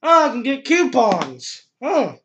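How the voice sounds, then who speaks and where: High-pitched young man talking around chewing tobacco. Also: big pitch swings, slow pace, pushed and bright, slight background noise. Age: young adult. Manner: talking with chewing tobacco packed in his lip. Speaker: product reviewer. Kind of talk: casual vlog review. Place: small bare room indoors. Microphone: webcam microphone at desk distance. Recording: dull lo-fi webcam audio.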